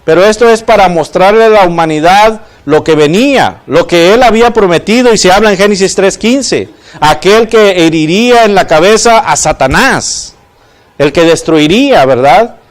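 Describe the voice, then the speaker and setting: A man's voice: high voice, animated, normal speed. A man preaching a sermon, often putting questions to the congregation and adding "¿verdad?". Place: church.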